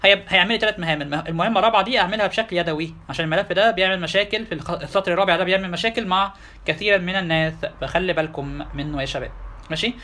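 A man with an Egyptian Arabic accent giving a casual software tutorial, talking fast and asking his listeners rhetorical questions. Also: high voice. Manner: quick, chatty, addresses listeners directly with rhetorical questions. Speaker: software instructor. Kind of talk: tutorial lecture.

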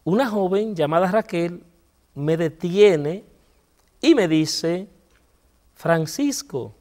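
A Dominican priest telling his personal testimony in a TV interview, speaking earnestly with a Dominican Spanish accent and letting his voice sink low and soft at painful moments. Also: slow pace, in a large hall. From Dominican Republic.

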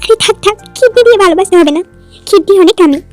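A bossy older sister, voiced by a woman who teases and lectures with a stern edge. Her pitch runs very high. Faint music plays in the background. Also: expressive, rapid-fire, no echo.

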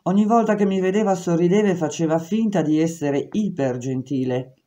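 A woman reading a memoir aloud in steady, measured first-person narration. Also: fairly low pitch. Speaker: reader.

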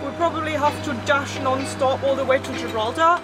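Chatty high-voiced woman sailing vlogger. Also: fairly quick, loud music behind the voice. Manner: chatty, laughs often, excitable. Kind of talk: casual vlog talk. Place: outdoors on a sailboat deck in a marina. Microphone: action camera at arm's length.

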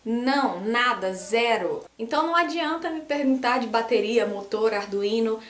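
A lively woman in her twenties from Brazil with a faint Bahian accent, talking casually to camera as a science YouTuber and gesturing a lot. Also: on the high side, moderate pace, roomy sound. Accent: light Brazilian Portuguese, faint Bahian. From Salvador, Bahia, Brazil. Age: 20s. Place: small room indoors, posters on the wall.

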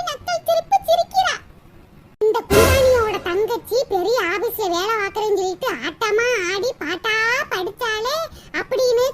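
A woman voicing a sharp-tongued married older sister in a cartoon, scolding and mocking in a long rant. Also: extremely high pitch. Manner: scolding, mocking, rapid ranting. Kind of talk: cartoon voice acting.

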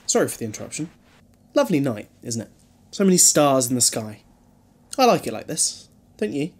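In a fan audio drama, a man plays a flippant, protective alien time traveller with wry, bantering delivery. His husky voice is medium-pitched, a little mellow, very animated and brisk.

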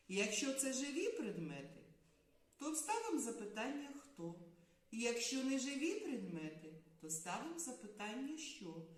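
A preschool teacher gives a slow, clear lesson to small children in a lively sing-song voice that rises and falls. Her fairly high voice draws out each word, with long pauses between, and the audio is very echoey, like a bare room.

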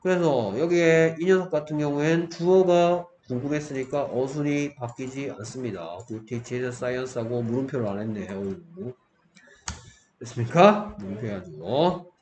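A man with a medium-pitched, slightly mellow voice delivers an English grammar lecture at a measured pace. He regularly stops to confirm students are following and answers the questions he raises. Faint background noise and echo fill the room.

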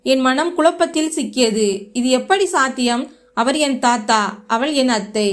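A woman narrating a dramatic first-person story in a steady, scripted way. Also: high-pitched, moderate pace.

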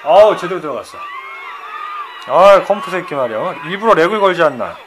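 A man streaming an old fighting game, swearing at the computer opponent and swinging between loud outbursts and low mutters. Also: animated, fairly quick, a little hiss or hum. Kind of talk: profane retro game commentary.

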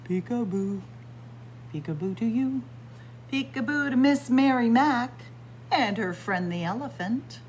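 A children's librarian in her sixties reads a picture book aloud, chanting its rhymes in a sing-song style and adding playful asides. Her voice is fairly high, expressive and unhurried, picked up by a close webcam in a library lined with bookshelves, with a noisy background.

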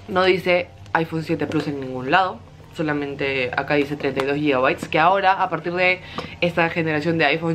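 A young woman, telling a story in a chatty, animated way as she unboxes a phone for her vlog. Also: sits low, a little hiss or hum. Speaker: vlogger. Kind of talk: casual vlog chat.

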